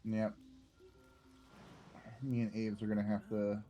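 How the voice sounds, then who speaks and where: A man playing a co-op game with friends, joking around in relaxed banter. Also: lowish voice, slow pace, dull audio, faint music behind. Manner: joking, laid-back banter. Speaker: co-op game player. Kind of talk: casual gaming chat.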